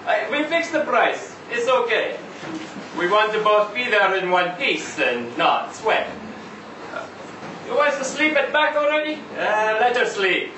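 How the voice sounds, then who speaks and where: At a live literary event in an indoor venue, a man gives a dramatic monologue reading of a short story, playing a high-pitched, weary truck driver. Very animated and solicitous, he is halting, rambling and foul-mouthed, repeatedly seeking agreement. The echoey room is caught on a distant mic with faint noise.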